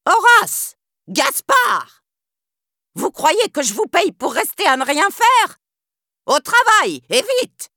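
A woman voicing a rich, scheming villainess who shrieks in a haughty, high-pitched voice. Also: very animated, unhurried, a bit bright, dry recording, studio quality. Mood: screeching.

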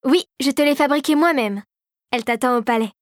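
An eager young girl queen full of plans, as a woman reads her. She speaks high and bright in a storybook reading, with a dry, close sound. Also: brisk, dry recording, close to an everyday voice.

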